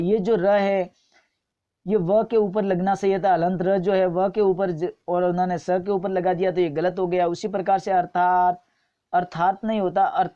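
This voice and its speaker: A woman's voice: mid-range voice, mellow, dull audio. A woman teaching a spelling lesson for exam students, patiently repeating each wrong and right form. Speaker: Hindi grammar teacher.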